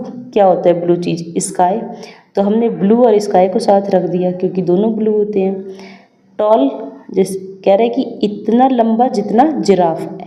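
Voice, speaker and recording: Woman teacher explaining a lesson, patient, self-questioning; very dark, mellow tone in an echoey room. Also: mid-range voice. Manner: patient, asks and answers her own questions. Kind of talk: explaining a school English lesson. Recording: roomy echo.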